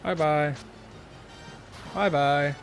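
A man's voice: fairly high pitch, steady tone, very slow, gravelly, faint music behind. A young man hosting a let's play, thinking aloud in casual, chatty commentary.

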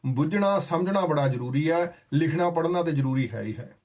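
A man giving a sermon that explains scripture. He chants verses slowly and then explains them in plain, conversational talk. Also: fairly high pitch, animated, darkish tone. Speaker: Sikh scripture preacher.

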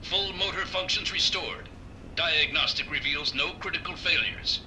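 An actor playing a malfunctioning military medical robot that throws errors, speaking in clipped, mechanical commands. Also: male voice, a little high, measured pace, bright, forceful tone, slight background noise, low-quality recording. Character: glitching male military medical robot, curt. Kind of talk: video game character dialogue.

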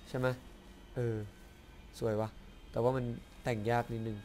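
A man's voice: mid-range voice, little pitch movement, unhurried, a little mellow, soft background music. A young man with a Thai accent giving casual gameplay commentary, chatty and swearing playfully as he talks to himself. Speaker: gameplay YouTuber.

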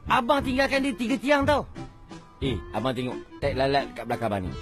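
A man's voice: fairly high pitch, huge pitch swings, brisk, over music. A man playing a scolding, boastful shop boss in a comedy sketch.

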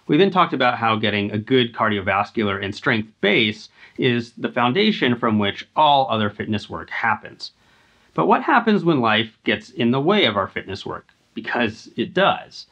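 A man in his thirties hosts a scripted fitness explainer, speaking to camera in an earnest, instructive manner. His pitch moves in a lively way up and down. The sound is a little dull and lo-fi, as if from a camera mic at medium distance. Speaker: host. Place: indoor home climbing wall.

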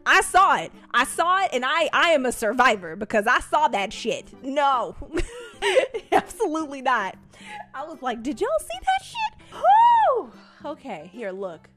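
A woman with a very high, bright voice, commenting on a horror game for her stream. She swings around a lot in pitch, shouts at the characters and swears freely, then drops into chatty asides to her viewers. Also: big pitch swings, unhurried, faint music behind. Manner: chatty asides to chat with "girl" and "y'all". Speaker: gaming streamer. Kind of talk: live gameplay commentary.

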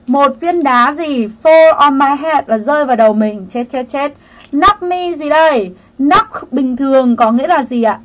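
A woman's voice: high-pitched, muffled recording. A woman teaching an English grammar lesson on a livestream, chatty, greeting viewers by name and explaining each answer option.

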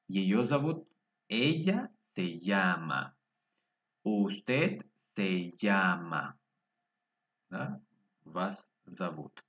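A man teaching Spanish in an online lesson, slowly repeating each word twice, heard on muffled lo-fi audio. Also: low-pitched, a bit bright.

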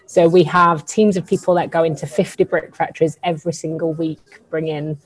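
A woman's voice: low-pitched, little pitch movement, brisk, breathy edge, low-quality recording. A woman with a northern English accent, a charity founder speaking as a podcast guest in an earnest, self-deprecating way. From northern England. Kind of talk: podcast interview.

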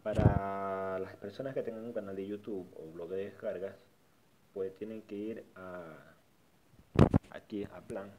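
This tutorial vlogger's voice sits on the low side, and the recording is very noisy. He walks through a website on screen in a relaxed way, pointing out features and often circling back to repeat or restart what he's saying.

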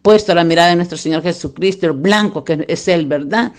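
A man's voice: on the high side, a little fast. A man telling a religious dream as testimony, in a rambling, repetitive and earnest way. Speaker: believer recounting a dream.

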